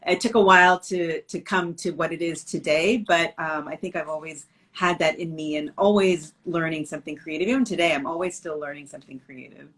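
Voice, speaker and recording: A woman's voice: sits low, brisk, few pauses, a bit bright. A middle-aged woman from Canada, a business owner chatting casually in an interview over a video call, with lots of fillers and restarts.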